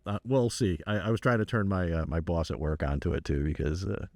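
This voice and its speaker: Casual low-voiced guy hosting radio, laughs a lot, dry close mic. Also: animated, fairly quick, a little mellow, no room sound. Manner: chatty, laughs often, many fillers and restarts. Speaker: radio show host. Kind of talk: casual radio interview chat. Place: radio studio.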